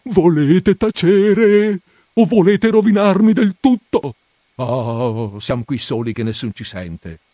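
Un uomo che dà voce a un vecchio curato pauroso e lamentoso in un audiolibro letto ad alta voce. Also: male voice, lowish voice, slow pace, hardly any pauses, a little mellow, no room sound, clean studio sound. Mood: exasperated. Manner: fretful, whining and exasperated, with sighs. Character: anxious, fearful elderly country priest.

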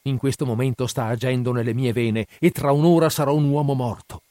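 A man voicing a frenzied, gleeful old Egyptian priest who speaks in a loud, exalted, hysterical way in a dramatic audiobook reading. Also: mid-range voice, steady tone, a little fast, dry recording, studio quality, lightly acted.

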